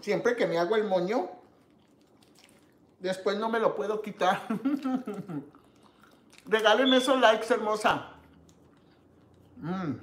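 A woman from Mexico hosts a live cooking stream, her medium-pitched voice slow and full of long pauses in a roomy-sounding space. She tastes her dish with contented hums and greets viewers by name.

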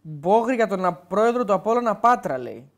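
A man's voice: high voice, big pitch swings. A man co-hosting a live talk show, moderating and reading audience questions. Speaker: co-host. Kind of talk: casual chat.

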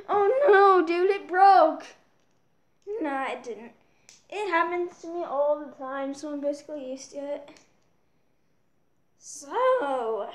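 A woman casually commenting on toy battles, excitable, yelping and correcting herself as she goes. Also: high-pitched. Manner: excitable, with yelps and self-corrections. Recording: echoey room.

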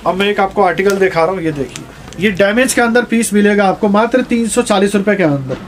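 A man who owns a jeans shop, giving a sales pitch and listing prices, fabrics and sizes as he shows each item. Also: quick pace, slight background noise. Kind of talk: sales pitch showing products. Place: garment shop.

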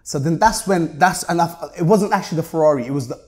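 Fast-talking British roadman, street-tough and slangy. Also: fairly high pitch. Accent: British urban roadman slang accent. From Luton, England. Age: 30s. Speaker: interview guest, car rental business owner. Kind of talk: casual podcast interview. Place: indoor meeting room at a table.

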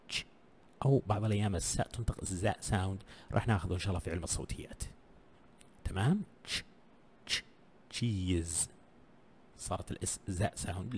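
A man's voice: low voice, a little mellow, a little hiss or hum. A man teaching English pronunciation in an online lesson. He repeats each sound many times and keeps checking in with his learners.

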